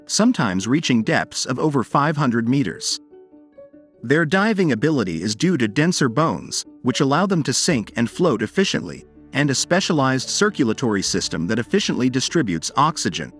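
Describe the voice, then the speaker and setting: A man narrates in the style of a nature documentary. His mid-pitched voice moves with plenty of melodic variation while keeping a formal, explanatory delivery. Music plays faintly behind him. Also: a bit bright. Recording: background music under voice.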